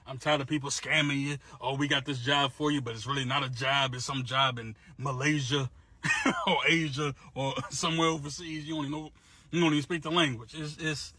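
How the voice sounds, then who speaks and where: A man's voice: on the high side, steady tone, a little fast, pushed and bright, husky. A man ranting to camera in a casual, weary way, full of slang and repeating that he is tired. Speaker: vlogger. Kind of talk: emotional rant to camera.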